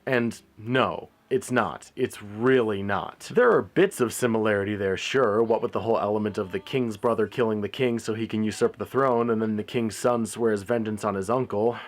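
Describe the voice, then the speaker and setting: A man's voice: lowish voice, normal speed, hardly any pauses. A man narrating a comedic film review with a wry, sarcastic delivery. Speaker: video reviewer.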